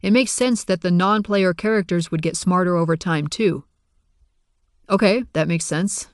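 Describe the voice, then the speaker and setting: A man's voice: sits high, moderate pace, dry recording, clean studio sound. A man reading a first-person audiobook with wry, casual humor. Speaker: audiobook narrator.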